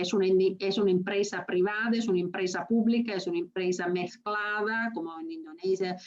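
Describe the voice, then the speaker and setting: Woman, Italian-accented Spanish, guest speaker, informal academic style, word-searching, language-mixing, muffled call audio. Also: mid-range voice. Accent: foreign-accented Spanish with Italian influence. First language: Italian, speaking non-native Spanish. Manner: searches for words, mixes in Italian and English. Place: remote video call.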